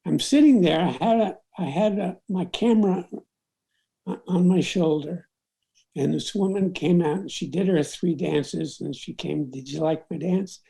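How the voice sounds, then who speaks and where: An older man, a photographer, telling stories from his career in an unhurried interview, with many fillers and restarts. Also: high-pitched, creaky, mellow. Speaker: documentary photographer. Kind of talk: reflective storytelling interview.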